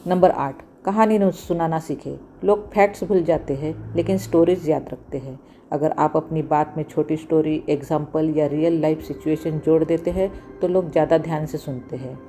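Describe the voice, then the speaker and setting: A woman giving scripted voice-over narration with steady, instructive delivery, counting off communication tips by number. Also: deep voice, normal speed, soft background music.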